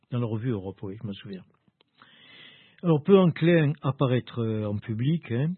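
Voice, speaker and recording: A man presenting a small poetry book in a casual, slow way, with many fillers and restarts. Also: medium pitch, no room sound. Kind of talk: casual spoken book review. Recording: dry, phone-like narrow sound.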